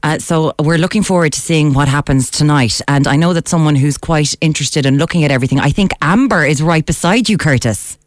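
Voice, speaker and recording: A woman's voice: low-pitched, a little fast, few pauses, no echo, studio quality. A woman with an Irish accent hosting a light live radio interview. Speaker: radio host.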